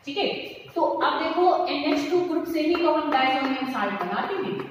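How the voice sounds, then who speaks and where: A woman's voice: sits high, lively intonation, normal speed. A woman chemistry teacher giving a lecture, explaining step by step and checking in her students. She speaks in. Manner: explains step by step, checks in with frequent "okay" and "see, dear". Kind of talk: classroom lecture. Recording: echoey room with long reverb, faint noise.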